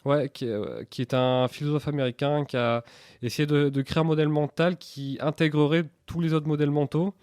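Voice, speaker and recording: A man in his thirties speaks in a fairly high voice with very little room sound. He answers interview questions candidly and earnestly, often hesitating and restarting on a repeated word. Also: steady tone, brisk, darkish tone, clean tone, no echo, clean studio sound. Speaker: interview guest, entrepreneur.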